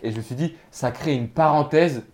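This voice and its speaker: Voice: medium pitch, moderate pace, darkish tone. A podcast co-host talking animatedly about a film, in casual slang, who keeps checking in with the listeners.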